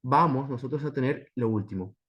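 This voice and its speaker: A man's voice: medium pitch, a little fast, highs cut off. Argentinian guy lecturing teachers, explains step by step, keeps checking if they follow. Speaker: teacher trainer. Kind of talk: lecture with slides.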